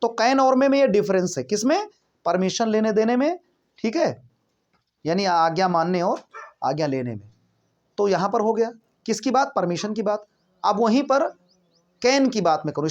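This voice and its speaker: A man's voice: high voice, expressive, moderate pace, highs cut off. A man teaching a spoken English lesson, asking questions and answering them himself, often checking that listeners are following. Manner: explains by asking and answering his own questions; repeats points, checks in with listeners.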